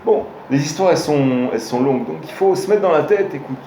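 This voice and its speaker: A rabbi with a slightly high, dark-toned voice speaks briskly and animatedly in an informal Torah class. His stories, told directly to the listeners, are full of hesitations and restarts. There's slight background noise and faint ambience from the roomy room.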